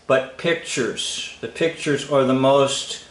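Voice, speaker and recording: Speaking slowly in a mid-range voice, a man offers sceptical, informal commentary on an old film as a video commentator. He gives instructions in short, emphatic bursts, and the room sounds echoey.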